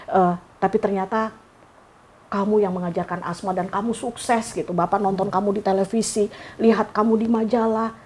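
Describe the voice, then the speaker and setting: A middle-aged woman from Indonesia, a writer telling stories in an interview, lively and acting out dialogue. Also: mid-range voice, moderate pace, a little hiss or hum. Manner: animated, acts out quoted dialogue. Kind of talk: casual storytelling.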